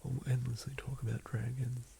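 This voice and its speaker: Whispering Australian man, gravelly and soft. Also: mid-range voice, flat delivery, moderate pace. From southern Australia. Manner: soft whisper, musing and rambling. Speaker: ASMR creator building a game character. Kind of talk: whispered ASMR. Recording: noisy ambient background.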